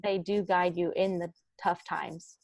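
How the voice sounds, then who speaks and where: A woman guest in a casual interview, upbeat and thinking aloud with many pauses. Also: lowish voice, fairly even intonation, a little mellow. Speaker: podcast co-founder guest.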